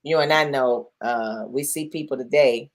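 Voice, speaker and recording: A middle-aged woman co-hosts a podcast in a casual chat, her voice a low rumble at a moderate pace. She's talkative, often says things twice, and keeps pushing with questions.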